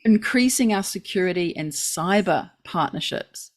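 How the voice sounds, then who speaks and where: Kiwi woman co-host, slightly low voice, earnest and informative. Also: lively intonation, measured pace. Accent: New Zealand. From New Zealand. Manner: earnest, informative, lists facts and reports at length. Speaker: podcast co-host. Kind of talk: casual podcast chat.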